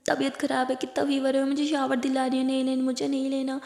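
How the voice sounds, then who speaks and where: A woman's voice: high-pitched, completely flat delivery, fast, a little mellow. A woman voicing a stubborn, dramatic young woman with a fever, who whines and protests. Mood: protesting. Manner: whiny, protesting. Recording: echoey room with long reverb.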